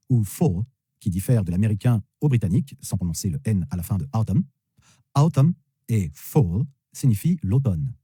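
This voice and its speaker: Dark husky man teaching vocabulary. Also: lowish voice, dry recording. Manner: slow, repeats each word three times. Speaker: English teacher. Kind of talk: vocabulary lesson, repeating words.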